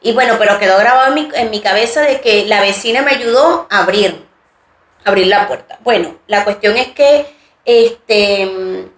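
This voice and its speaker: A woman's voice: medium pitch, moderate pace. Woman rambling through a story on a podcast, does little voices for everyone, roomy echo. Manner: chatty, rambling storyteller who voices the people in her story. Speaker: podcast co-host.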